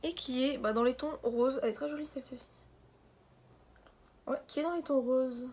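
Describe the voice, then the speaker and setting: A woman's voice: sits high, a little fast, darkish tone. Chatty young woman reviewing makeup. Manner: chatty, rambling, self-mocking. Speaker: beauty vlogger. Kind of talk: casual makeup review vlog.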